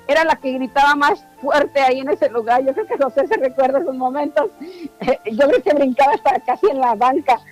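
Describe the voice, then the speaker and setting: A woman's voice: high voice, poor audio. A woman giving a fervent, emotional faith testimony to a church congregation, often repeating her words.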